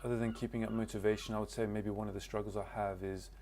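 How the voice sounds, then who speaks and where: Speaking to camera, a Cornish man learning a language gives a relaxed, halting self-introduction, often stopping mid-thought to search for the right word. He talks fast in a fairly low, warm but flat voice, over a little background noise.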